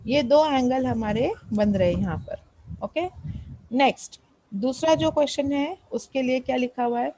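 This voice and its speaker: A woman's voice: high-pitched, normal speed, warm tone, dry recording, rough recording. A woman math teacher explaining a lesson, patiently repeating questions and prompting students to answer.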